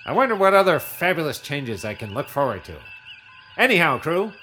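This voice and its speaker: A man's voice: on the high side, sing-song, brisk, sharp tone, faint music behind. A man playing a pompous, wealthy starship captain who chuckles at his own jokes in a comedy audio sketch. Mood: smug. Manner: smug, chuckling, self-amused.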